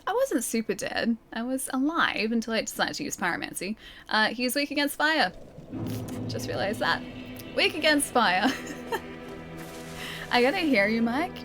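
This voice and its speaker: An Australian woman streams a video game and chats casually with her viewers, reading their messages aloud and laughing often. Her voice is a little high and very animated, yet unhurried with long pauses, and music plays in the background.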